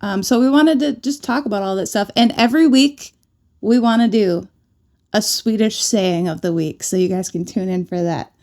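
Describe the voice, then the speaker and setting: A woman's voice: mid-range voice, normal speed, darkish tone. Chatty American woman co-host. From United States. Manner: chatty, laughs easily, trails off with fillers. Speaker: podcast co-host. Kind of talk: casual chat.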